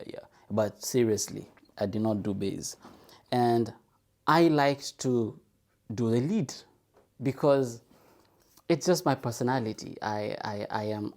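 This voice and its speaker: In a solo podcast, the host thinks aloud in a casual, reflective monologue. His lowish, mellow voice repeats phrases for emphasis and poses rhetorical questions.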